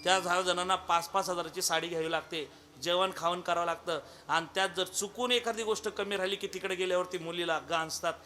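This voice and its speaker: A man's voice: sits high, fairly quick. A man preaching a devotional kirtan sermon, telling a comic story and calling on listeners by name. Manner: humorous, animated, addresses listeners by name.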